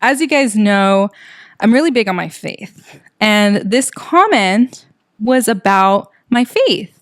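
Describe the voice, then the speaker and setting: A young woman co-hosting a podcast in casual chat, expressive and full of "like" fillers. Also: medium pitch, takes it slowly. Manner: expressive, reaction-based, lots of "like" fillers. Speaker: podcast co-host.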